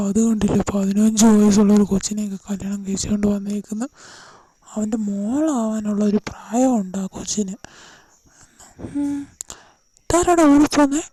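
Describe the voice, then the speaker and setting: A woman's voice: a little high, dark tone, slightly rough, dry recording. A woman voicing a bossy man hunting a runaway girl, barking orders harshly, in an amateur fan audio drama.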